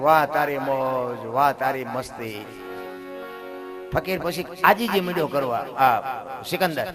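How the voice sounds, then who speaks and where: A middle-aged man with a Kathiawadi Gujarati accent, giving an earthy, animated folk moral talk that swings between loud exclamations and low asides. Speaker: folk speaker.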